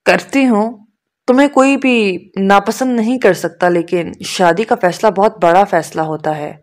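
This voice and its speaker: A woman reading the lines of a serious young woman who speaks softly and gently but firmly. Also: mid-range voice, close to an everyday voice. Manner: serious, soft-spoken.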